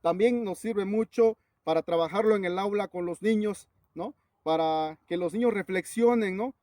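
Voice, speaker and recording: A man from a Zapotec-speaking community with a Mexican Spanish accent, a teacher telling a folk tale in a relaxed, conversational way. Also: high voice, moderate pace, no echo, clean studio sound. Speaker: teacher and storyteller.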